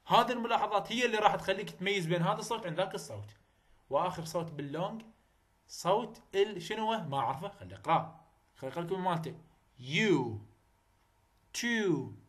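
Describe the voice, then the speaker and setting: Iraqi man teaching English vowels. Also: sits high. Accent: Iraqi Arabic. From Iraq. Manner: chatty, repeats example words slowly over and over. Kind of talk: recorded lesson on English vowel sounds.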